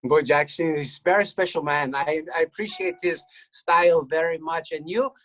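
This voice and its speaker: A man's voice: on the high side, normal speed, dry recording, close to an everyday voice. A man playing a fawning traveler fan with a put-on foreign accent and broken English, calling in over a video call. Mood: gushing. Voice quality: broken grammar, gushing flattery. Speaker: caller.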